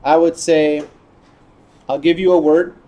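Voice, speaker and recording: Patient male teacher, dark mellow voice. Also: a little high, level tone, unhurried. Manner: patient, corrects and praises often. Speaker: Arabic teacher. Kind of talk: classroom drilling and explaining.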